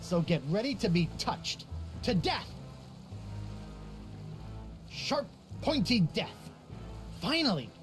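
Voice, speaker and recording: A man's voice: sits high, very animated, slow, long pauses, heavily acted. A young pirate hero for a comedic video game. He is quippy and naive, with a theatrical, very mobile delivery. Music plays behind his chatty wisecracks. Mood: cocky.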